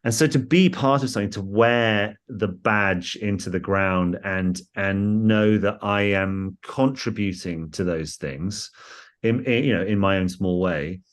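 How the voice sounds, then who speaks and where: Speaking in a lowish voice at a measured pace, a posh-accented Englishman from the home counties shares stories in a conversational interview. He works on a football club's staff and comes across as rambling, enthusiastic and self-deprecating.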